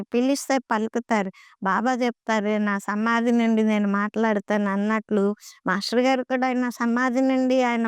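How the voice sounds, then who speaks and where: A woman's voice: on the high side, darkish tone, smooth, no echo. A middle-aged woman earnestly recounting devotional experiences, often repeating phrases for emphasis. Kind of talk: conversational storytelling.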